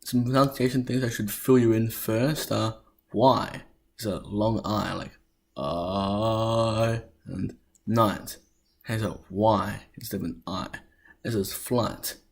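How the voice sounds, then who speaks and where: A man presenting a history lesson as scripted narration, spelling out sounds deliberately with occasional stumbles. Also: on the low side, steady tone, gravelly.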